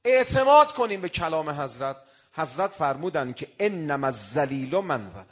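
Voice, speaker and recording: Impassioned high-voiced male preacher. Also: sing-song. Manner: impassioned, swells to emphatic declamation, recites Arabic quotations. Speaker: cleric preacher. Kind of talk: sermon.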